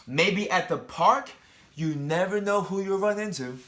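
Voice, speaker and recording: A little slow, this high-sitting male voice sounds pushed and bright, with a little hiss or hum in the recording. He's a teacher reading a picture book aloud to young kids, adding friendly asides and questioning them directly.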